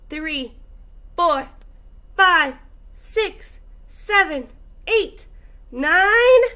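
Young female kindergarten teacher for a children's read-aloud lesson; bright, high voice, exaggerated and encouraging. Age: young adult. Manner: animated, exaggerated, encouraging, slow enunciation for small children. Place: indoors, classroom.

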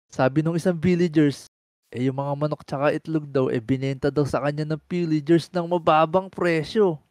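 A man with a Filipino accent playing along in a Minecraft roleplay, teasing and quick to say calm down. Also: a little high, no echo, clean studio sound. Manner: teasing, calls partner boy, fast calming patter. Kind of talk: casual Minecraft roleplay banter.

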